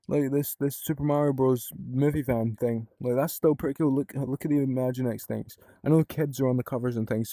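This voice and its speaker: A man's voice: mid-range voice, warm tone, dry recording, studio quality. A young British man from the UK chatting casually in a rambling vlog, swearing freely and using lots of fillers. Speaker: vlogger.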